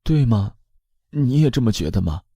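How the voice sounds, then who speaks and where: A man's voice: expressive, moderate pace, mellow, breathy edge, no room sound. A man voicing an anxious grown woman who begs her family for love, pleading and tearful. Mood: needy. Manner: pleading, tearful, high-pitched.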